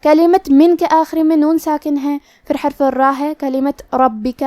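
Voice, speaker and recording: Female recitation teacher, high voice, dry close recording, patient and methodical delivery. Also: fairly even intonation, mellow, no room sound. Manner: slow, careful letter-by-letter explanation; slow melodic recitation. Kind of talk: tajweed lesson.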